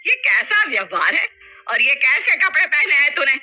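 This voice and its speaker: A woman performs a full character voice as a flustered older mother-in-law in a storybook tale, alternately scolding and pleading. She pitches it above her natural voice, sitting high with big swings, a moderate pace, and a pushed, bright tone.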